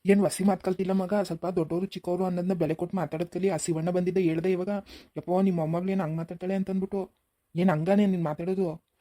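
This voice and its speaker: Woman voicing a cranky coughing grandfather, rapid village grumbling. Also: lowish voice, little pitch movement, dark tone, pitched below the performer's own voice, natural voice. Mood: grumbling, scolding.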